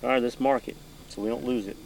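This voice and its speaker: A man hosts a homemade hunting vlog out in the country, chatting casually and teasingly with his kid. His voice sits at an ordinary middle pitch and has a folksy way about it. Faint outdoor noise runs behind him. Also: fairly even intonation, quick pace, creaky, rough recording. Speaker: hunting show host and father. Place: outdoors in rural land.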